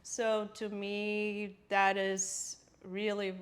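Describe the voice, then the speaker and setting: Woman guest, measured and reflective, quick to laugh, mid-pitched voice. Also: monotone. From Latvia. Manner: thoughtful, searching for words, laughs often. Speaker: interior designer guest. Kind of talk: podcast interview.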